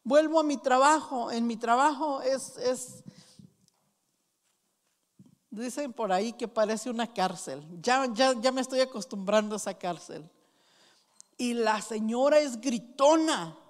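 A woman pastor preaching a sermon and telling personal stories, slow and earnest, with frequent restarts. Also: fairly high pitch. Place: church hall. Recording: long reverb of a church hall.

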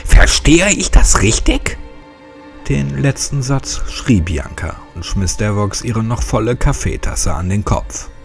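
A male narrator tells a horror story in a dramatic, gravelly voice. His delivery is lively and expressive, with faint music underneath the narration. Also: low voice.

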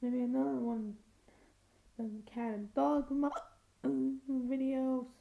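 A woman's voice: sits high, little pitch movement, slow pace, vocal fry, phone-quality sound. A woman with hiccups reacting casually to clips, exclaiming and laughing as she watches. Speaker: video reactor.

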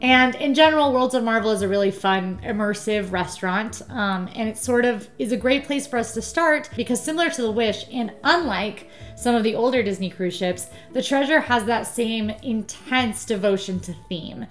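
A woman's voice: on the high side, normal speed, soft background music. A woman hosting a travel vlog, chatting in a bubbly, enthusiastic way with the odd "um". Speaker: vlog host. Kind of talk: casual travel vlog chat.

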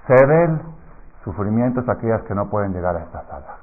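A middle-aged man preaching a sermon as a rabbi, telling stories and swinging from hushed asides to loud, emphatic peaks. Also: lowish voice, fast, a little hiss or hum. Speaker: rabbi giving a Torah talk. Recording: slightly dull lo-fi recording.

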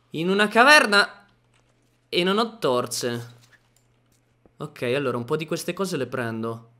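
A man commentating his own Minecraft let's play, excitable and talking to himself and his viewers, with sudden panicky outbursts. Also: on the high side. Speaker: gaming youtuber.

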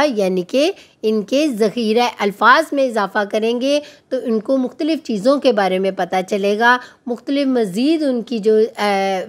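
A woman teacher leads a children's lesson. Her voice sits fairly high, and she talks very slowly. She names each word in a sing-song way. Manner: slow, sing-song naming of words for children.

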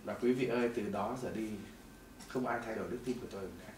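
A middle-aged man giving a testimony sermon in a church hall, telling his story in an animated way that swings between loud bursts and hushed moments. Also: fairly low pitch, fast talker, background noise. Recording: echoey hall, mic at a distance.

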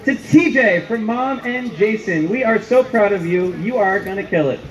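A man announcing at a stadium, reading shout-out messages over the PA with playful, jokey asides. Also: high-pitched, expressive, normal speed, a little hiss or hum. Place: outdoor stadium at a band show. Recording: echoey lo-fi stadium PA with faint music.

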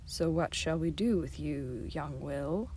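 A woman doing a stern bearded baron, low and measured. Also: a little mellow, a little hiss or hum. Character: stern bearded middle-aged male baron. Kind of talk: audiobook character voice.

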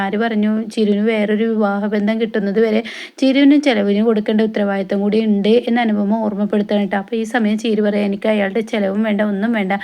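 A woman casually retelling a TV serial episode for her viewers, with frequent "eh" fillers and soft trailing tag words. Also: mid-range voice. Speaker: TV serial recap vlogger.

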